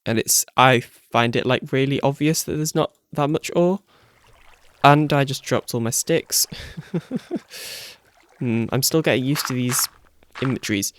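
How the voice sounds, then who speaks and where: A man's voice: medium pitch, moderate pace, smooth. A young man giving casual gameplay commentary as a video host, rambling and correcting himself, with a groggy morning voice. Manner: rambling, self-correcting, chuckles often. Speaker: gaming YouTuber. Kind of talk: casual Let's Play commentary. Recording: faint background music.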